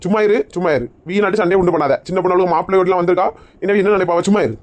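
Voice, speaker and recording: A woman with a Kanyakumari Tamil accent playing a bossy woman who organises a group tour and scolds quickly. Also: on the low side, steady tone, a little mellow, close to an everyday voice. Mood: scolding. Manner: rapid-fire scolding.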